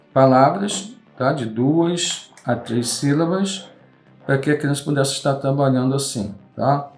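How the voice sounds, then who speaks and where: A man's voice: mid-range voice, a little mellow. A man with a Brazilian accent explaining a classroom craft game step by step, patiently checking in with his listeners after almost every phrase. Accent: Brazilian Portuguese. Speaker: craft tutorial host. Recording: roomy echo, faint background music.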